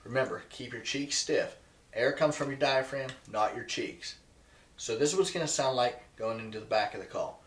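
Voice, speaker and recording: A man's voice: medium pitch, normal speed, fairly bright tone, slight background noise. A man presenting an instructional video to viewers, emphatic and repeating key points for stress. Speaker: presenter teaching goose calling. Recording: echoey, roomy sound.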